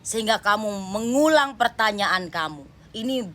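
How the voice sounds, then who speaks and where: A woman's voice: mid-range voice, lively intonation, normal speed, a bit bright. A woman giving a general tarot reading, talking straight to the viewer in an emphatic, repetitive way. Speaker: tarot reader.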